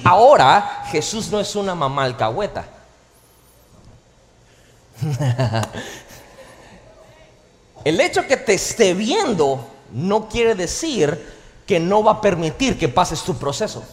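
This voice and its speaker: A man preaching a sermon as pastor, animated and full of jokes, in a church hall. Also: sits high, takes it slowly, long pauses. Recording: reverberant hall, faint ambience.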